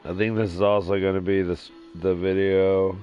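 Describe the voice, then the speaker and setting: A man with a very deep voice rambles to his live-stream audience from his dim living room. He talks in a drowsy, sleepy monotone. The audio is dull and lo-fi, with faint music playing behind him. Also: moderate pace.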